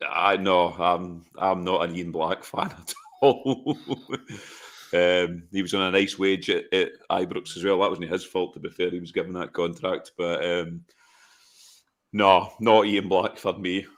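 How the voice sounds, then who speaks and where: Low-voiced Scottish podcast co-host. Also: male voice, fairly even intonation, measured pace. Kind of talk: casual football chat.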